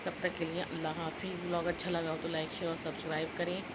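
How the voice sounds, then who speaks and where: A woman's voice: fairly low pitch, flat delivery, fast talker, heavy background noise. A middle-aged woman vlogger chatting casually with her viewers from her home kitchen. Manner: chatty, addresses viewers as guys. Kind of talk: casual home vlog chat.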